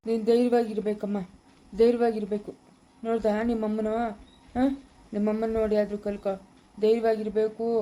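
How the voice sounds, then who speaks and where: A woman's voice: mid-range voice, dark tone, slight background noise, close to an everyday voice. A woman acting as a reassuring parent who consoles a crying daughter in a family skit. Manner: soothing, reassuring.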